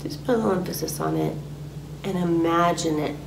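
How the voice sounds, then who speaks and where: A woman teaching a guided meditation, speaking softly and often dropping to a whisper. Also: on the low side, a little fast, vocal fry. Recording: roomy recording with a steady hum.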